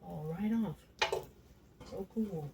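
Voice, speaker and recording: Gravelly-voiced woman cooking at home. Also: lowish voice, takes it slowly, lo-fi sound. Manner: chatty and homey, talks while cooking. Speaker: home cook. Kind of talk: casual cooking demonstration. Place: home kitchen. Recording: noisy kitchen with clattering dishes. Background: pans and dishes clattering.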